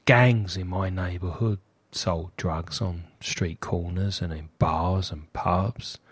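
A man playing an anonymous professional hitman in a scripted monologue, matter-of-fact and deliberate, with a disguised deep voice. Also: steady tone, breathy edge, dry recording, heavily acted. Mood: guarded, matter-of-fact. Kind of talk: scripted first-person monologue.

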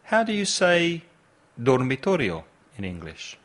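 A man's voice: mid-range voice, wildly swooping pitch, takes it slowly. A man hosting a podcast lesson, teaching vocabulary and patiently prompting the listener to repeat words after him. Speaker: language teacher and podcast host. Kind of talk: slow, deliberate English lesson with drills.

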